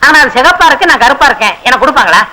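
A naive, boastful grown son. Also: male voice, extremely high pitch, sing-song, rapid-fire, sharp tone, heavily acted. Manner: whiny, childish, boasting. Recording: old noisy film soundtrack.

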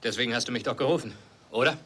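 An actor playing a calm, firm half-Native man who gives orders, in a film dub. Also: medium pitch, very fast, background noise, close to an everyday voice. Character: grown half-Native man, steady and commanding.

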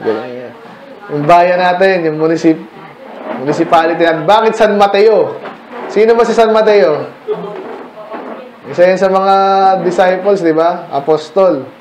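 A man's voice: sits high, normal speed, pauses often, darkish tone, slight background noise. A man teaching a church history seminar in a conversational way, peppering his points with rhetorical questions to the listeners and mixing in English terms. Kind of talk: church history lecture to a mixed room. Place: church meeting room. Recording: echoey room.

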